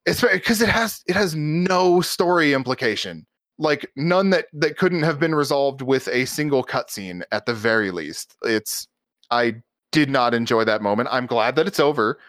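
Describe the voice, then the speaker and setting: Man, podcast co-host, blunt, exasperated, swears a lot, mid pitch, dry close sound. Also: animated, normal speed, a bit bright, dry recording. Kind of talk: casual game discussion.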